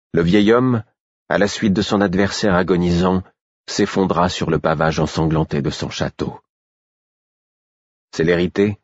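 Male audiobook narrator, very low husky voice, dry and slightly muffled recording. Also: no echo. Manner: measured, dramatic reading. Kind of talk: scripted narration.

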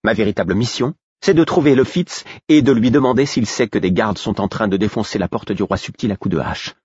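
A man voicing a brisk, scolding female servant who speaks sharply and with exasperation, in an audiobook reading. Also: fairly low pitch, darkish tone, breathy edge, dry recording, muffled recording, voice pushed up. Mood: urgent.

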